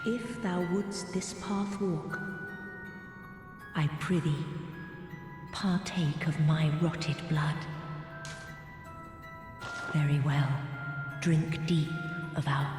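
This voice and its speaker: A woman's voice: low voice, steady tone. Queen Annalise, haughty undead queen. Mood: stately, haughty. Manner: archaic, slow, stately speech. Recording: game audio, long echoing hall with music.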